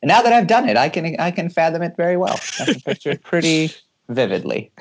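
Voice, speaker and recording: A man's voice: fairly high pitch, very animated, brisk. A man from California, a guest engineer giving eager, explanatory interview answers and laughing often as he talks.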